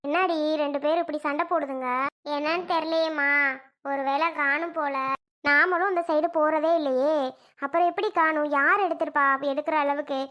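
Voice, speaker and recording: A woman's voice: high-pitched, fairly even intonation, a little fast, fairly bright tone. A woman acting a fretful scolding mother. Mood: puzzled. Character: worried mother in a family quarrel. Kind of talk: family comedy skit acting.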